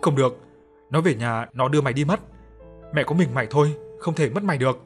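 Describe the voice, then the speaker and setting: A frightened, stubborn old village woman cries out in a shrill, panicked voice in an audio story. A man plays her, raising his pitch. Soft music sits faintly behind. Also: quick pace, natural voice.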